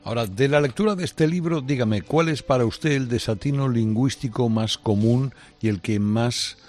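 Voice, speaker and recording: Radio host asking questions. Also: male voice, mid-range voice, normal speed, darkish tone. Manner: asks short, direct questions. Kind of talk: radio interview.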